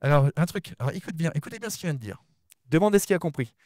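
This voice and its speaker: A man giving a conference talk to an audience. He talks fast, mumbles his words, and often repeats himself and restarts sentences. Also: fairly high pitch, animated, a little mellow, no echo, studio quality. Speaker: conference speaker.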